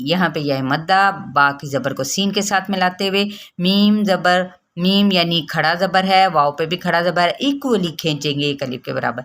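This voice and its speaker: Woman tajweed teacher, lowish voice, patient and methodical, stretches words slowly when demonstrating. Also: a bit bright. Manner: patient step-by-step explaining, drawing out recited words slowly. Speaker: Quran recitation teacher. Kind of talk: tajweed lesson.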